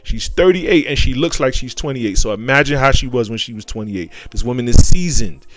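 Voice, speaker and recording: A man's voice: mid-range voice, brisk, fairly bright tone. An American man gives casual, opinionated commentary as a show host. His talk is slangy, and he circles back to repeat phrases until they land.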